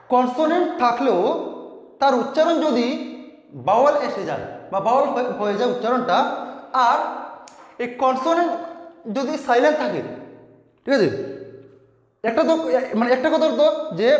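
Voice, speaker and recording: A teacher explaining a pronunciation rule to students, restating each point and often pausing on fillers. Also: sits high, animated. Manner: repetitive, often restating rules with many fillers. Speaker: English teacher. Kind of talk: explaining a grammar lesson to students. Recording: very echoey room with long reverb.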